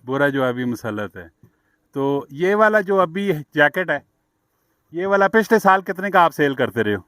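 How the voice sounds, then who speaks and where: A man with a Pakistani accent runs quick street interviews in an outdoor market, turning each answer back into a question. His voice sits high, and the sound is dry and close. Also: sing-song, a bit bright, no echo. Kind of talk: vox-pop street interview.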